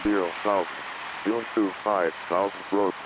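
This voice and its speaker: A man's voice on an automated airport weather broadcast, reciting wind, clouds and runway information in a flat, recited way over an aircraft radio. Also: low-pitched, moderate pace. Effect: airport weather broadcast heard over aircraft radio. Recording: muffled aircraft radio under engine noise.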